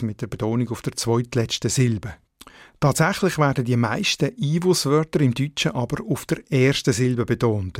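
A man's voice: mid-range voice, a little mellow, no room sound. A man with a Swiss German accent, a radio dialect editor, patiently and methodically explaining word stress to listeners in a studio.

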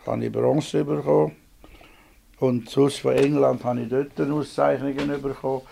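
A man's voice: mid-range voice, little pitch movement, moderate pace, vocal fry, mellow, a little hiss or hum. A man in his eighties with a Swiss German accent, telling his own story in a rambling, plain-spoken way from his small home office. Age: 80s. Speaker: inventor interviewed. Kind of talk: reminiscing interview.

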